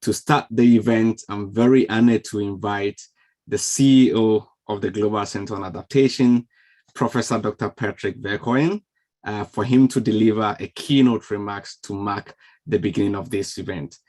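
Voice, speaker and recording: On a video call microphone from a home or office, a man hosts a webinar, welcoming people warmly and using lots of fillers. His voice is on the low side and darkish, at a moderate pace.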